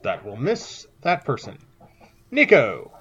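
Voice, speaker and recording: A man's voice: mid-range voice, very animated, measured pace. A man running a tabletop game as game master, narrating the action descriptively with lots of fillers, recorded with dull lo-fi sound.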